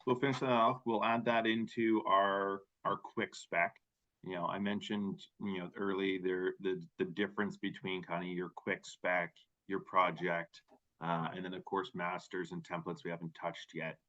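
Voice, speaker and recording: A man hosting a webinar and demoing software, casual and conversational. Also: low voice, flat delivery, normal speed. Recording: dull lo-fi audio.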